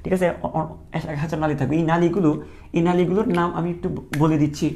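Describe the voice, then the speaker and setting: Gravelly male teacher drilling key terms. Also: a little high, flat delivery, quick pace, a little mellow. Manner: repeats key terms as questions, drilling students. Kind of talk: online lecture.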